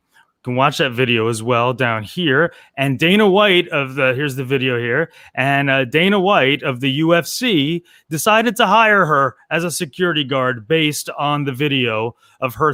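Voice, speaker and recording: Chatty male co-host, bright voice. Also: fairly high pitch, no echo. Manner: loose and chatty, trailing fillers. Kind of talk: casual chat show, telling news stories.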